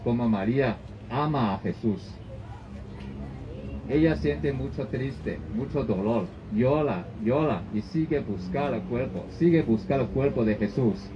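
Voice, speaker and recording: A man preaching a sermon as pastor, in halting phrasing that often restarts and repeats. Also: mid-range voice. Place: church service. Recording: dull lo-fi recording with faint noise.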